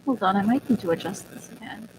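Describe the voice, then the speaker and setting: A young woman streaming live, talking in a soft, reflective and sentimental way, with pauses and small laughs. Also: medium pitch, expressive, background noise. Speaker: virtual streamer. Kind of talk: casual live-stream chat.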